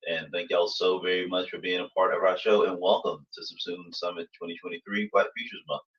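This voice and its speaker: A man's voice: low voice, a little fast, creaky, fairly bright tone, far from the mic. A man hosting a livestream panel, effusively polite as he moderates, on a muffled microphone. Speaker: host, moderator.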